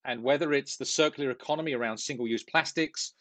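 A man's voice: mid-range voice, fast talker, a bit bright, dry recording. A middle-aged man from the UK, speaking earnestly and fluently as a guest in a business interview.

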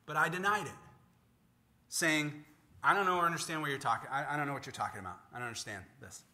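A man preaching in the voice of a remorseful male apostle, retelling his denial haltingly and emotionally. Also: a little high, sharp tone. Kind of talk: dramatized scripture in sermon.

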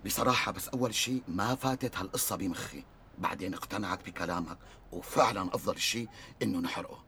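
An actor with a Levantine Arabic accent playing a nervous friend who reluctantly joins a dangerous plan. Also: male voice, low-pitched, fast, sharp tone, slight background noise. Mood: worried. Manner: anxious, pleading.

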